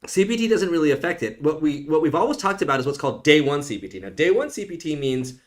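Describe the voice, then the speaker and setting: A man's voice: fairly high pitch, lively intonation, quick pace. A man who is an immigration attorney, answering viewer questions on a live stream in a casual, joking way. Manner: casual, joking, teasing viewers, frequent "okay?".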